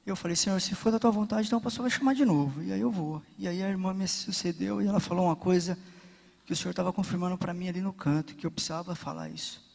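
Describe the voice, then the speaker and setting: A man's voice: sits high, fast talker, gravelly. A man telling a personal testimony before a church congregation, earnest and intimate, growing fervent as he goes. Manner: earnest storytelling, quietly intimate at first, then building with fervor. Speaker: church member giving a testimony. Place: church sanctuary. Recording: echoey church hall.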